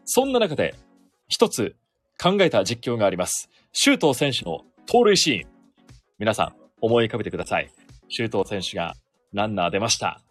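A man's voice: on the low side, very animated, normal speed, no room sound, soft background music. A sports announcer in his thirties hosting a solo podcast, chatting casually and self-deprecatingly about his work. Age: 30s. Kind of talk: casual solo radio-style chat.

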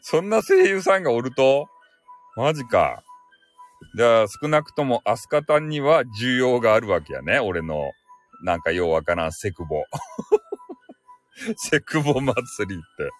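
Male streamer, thick Hakata dialect, animated mid-pitched delivery, giggly self-mocking banter. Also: measured pace, long pauses, faint music behind. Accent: Hakata dialect, Fukuoka. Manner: chatty, laughs often, self-mocking, drawling dialect. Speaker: solo audio-stream host reading live listener comments. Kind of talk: casual live chat. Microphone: close home microphone.

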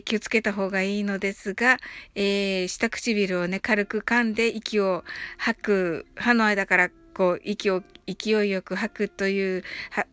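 A woman, a native Japanese speaker, gives a slow and patient pronunciation lesson on English song lyrics. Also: on the high side, fairly bright tone. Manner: slow, careful, patient explaining. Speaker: singing teacher.

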